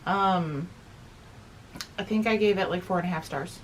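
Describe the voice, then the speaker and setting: A woman in her thirties co-hosting a casual book review, talking in a loose, slangy, expressive way and repeating herself. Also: on the low side, moderate pace, rough recording. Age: 30s. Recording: noticeable background noise.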